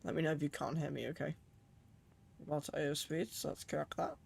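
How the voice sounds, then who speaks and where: A man's voice: a little high, level tone, fast, creaky, breathy edge. A man chatting casually on a livestream as a virtual pilot, murmuring asides to himself and reading back radio calls. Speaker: flight sim streamer, virtual pilot.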